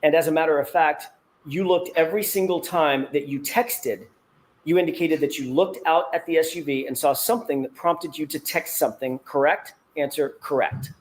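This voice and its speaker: A man's voice: a little high, normal speed, rough recording. A man working as a defense attorney, cross-examining a witness in a courtroom with pointed, methodical leading questions.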